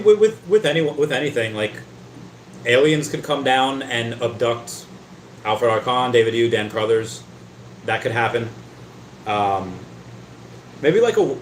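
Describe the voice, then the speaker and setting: This time his voice sits fairly low as he hosts a relaxed stream, chatting at length, reading comments out, and frequently stammering or doubling back on words. Slight background noise and a roomy echo color the recording.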